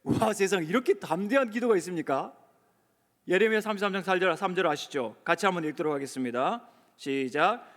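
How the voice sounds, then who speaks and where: A high-voiced male pastor preaching a revival meeting, animated and talkative, slipping into quick acted dialogues and prompting his listeners to join in. His voice carries a long reverb from the church hall around him. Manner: animated preacher, acts out short dialogues, leads the congregation. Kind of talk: revival sermon. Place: church sanctuary.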